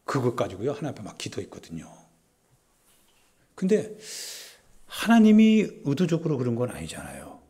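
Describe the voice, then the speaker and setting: A man pastor giving a Sunday sermon in a church service, talking conversationally and swinging from loud pleading to hushed asides. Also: medium pitch, wildly swooping pitch, moderate pace, long pauses, husky.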